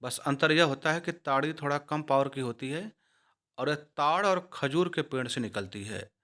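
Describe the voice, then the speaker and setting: Higher-voiced man explaining words. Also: normal speed, bright, forceful tone. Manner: spells out words letter by letter, conversational, addresses viewers directly. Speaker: teacher explaining Hindi words used in English. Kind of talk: casual explanatory lesson.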